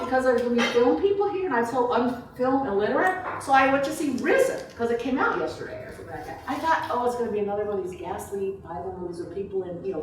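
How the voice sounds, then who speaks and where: An animated woman with a higher voice, an author, fields questions at a book reception before a small audience. Her casual, digressive answers come as informal, broken thinking aloud, captured from a distance in an echoey room.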